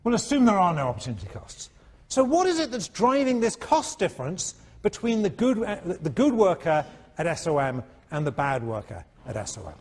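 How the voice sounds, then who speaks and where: A male economics professor giving a university lecture, animated and constantly checking in with his students. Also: high voice, fairly quick. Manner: animated, keeps checking in with "all right?". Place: lecture hall.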